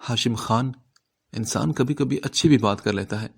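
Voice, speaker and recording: A gruff old father scolds his son with a rough, gravelly edge, as a man reads him. Stern on top, fond underneath, from a storybook reading. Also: mid-range voice, a little mellow. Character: stern elderly father, gruff but loving.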